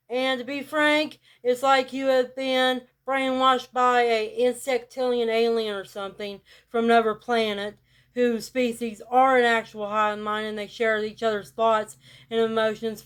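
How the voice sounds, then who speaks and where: Speaking directly to camera, a woman vlogger with a slightly high voice and a rural American country accent gives a casual, blunt monologue. Her flat, robotic delivery is intentional.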